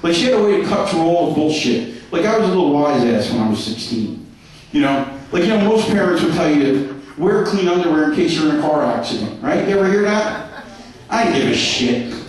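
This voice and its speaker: Brash man, high voice, crude stand-up, boomy room, distant mic. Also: very animated, a little fast. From New York. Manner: crude, brash punchlines to a laughing crowd. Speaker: stand-up comedian. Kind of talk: stand-up comedy set. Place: comedy club stage, live audience. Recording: echoey club heard from a distance.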